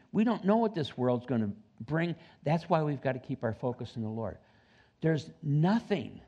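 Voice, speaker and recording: A man in his seventies preaching a sermon in church as pastor, animated, rising high for emphasis, with joking asides. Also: muffled recording. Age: 70s.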